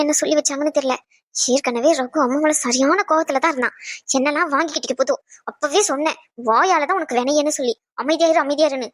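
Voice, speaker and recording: A woman voicing a fretful young woman in a cartoon, blaming herself and talking quickly. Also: high-pitched, dry recording, lightly acted. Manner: fretting, self-blaming. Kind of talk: cartoon dubbing.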